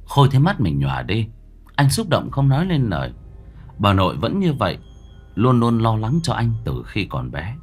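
A man narrating a ghost story in a dramatic, expressive way. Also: on the low side, moderate pace.

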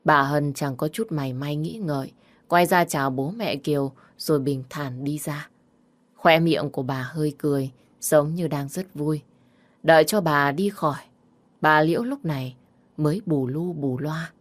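A woman narrating an audiobook story in a steady, measured reading voice. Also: sits low.

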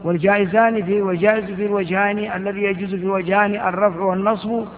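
A man's voice: sits high, little pitch movement, racing, a little hiss or hum. An older man teaching Arabic grammar in a lecture, repeating examples and asking and answering his own questions. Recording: tinny, echoey old lecture recording.

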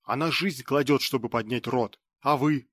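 A man's voice: medium pitch, normal speed, a bit bright, no echo, clean studio sound, natural voice. A man reading an audiobook voices an arrogant young nobleman who sneers and dismisses others. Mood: sneering defiance.

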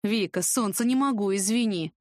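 A man's voice: high-pitched, normal speed, no echo, clean studio sound, close to an everyday voice. A woman reading a cocky young man who mocks and teases in a lazy drawl, in a storybook voice. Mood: mocking. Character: cocky young man, smug teasing charmer.

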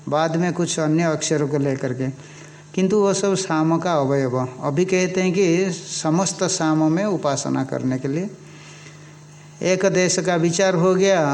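A man giving a scriptural lecture, reciting Sanskrit verses and explaining them slowly and deliberately. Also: on the high side, darkish tone, a little hiss or hum. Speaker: teacher expounding an Upanishad.

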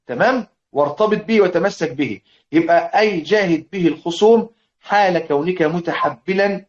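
A man with an Egyptian Arabic accent teaching a classical poem, checking often that his students follow and chanting verses slowly. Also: sits high. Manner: checks understanding with repeated questions; chants verses slowly, lists points deliberately. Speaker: Quran recitation teacher. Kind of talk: explanatory lesson on classical poem. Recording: dull lo-fi lecture recording.

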